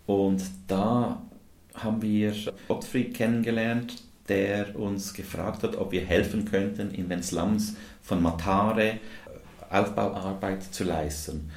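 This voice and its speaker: A dental technician and charity volunteer, raised in India with English as his first language, takes interview questions as a guest, hesitating and using plenty of fillers. He speaks slowly in a steady tone with a voice on the low side, and the recording has a roomy echo.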